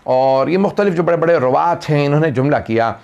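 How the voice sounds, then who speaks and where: A man's voice: a little high, fast talker, gravelly, darkish tone, lo-fi sound. A male cleric delivering a majlis sermon, telling the story with impassioned feeling and leading solemn supplications. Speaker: Shia cleric.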